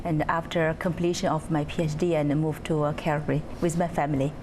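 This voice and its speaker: A woman from China, a guest in a TV studio interview who is soft-spoken and uses many fillers. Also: deep voice, little pitch movement, fairly quick. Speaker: guest, executive director. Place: TV studio set. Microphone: lapel. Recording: audible background noise.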